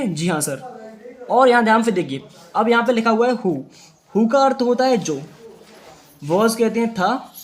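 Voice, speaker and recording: A man, teaching English reading; he asks questions and answers them himself, reading sentences slowly word by word. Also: high voice, fairly bright tone. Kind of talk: Hindi-language reading lesson.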